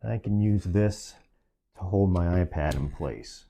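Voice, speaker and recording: Sounding like an online reviewer, a man demonstrates a product in an explanatory, orderly manner, running through features in short phrases. His voice is low, dark and relaxed, and he keeps a measured pace.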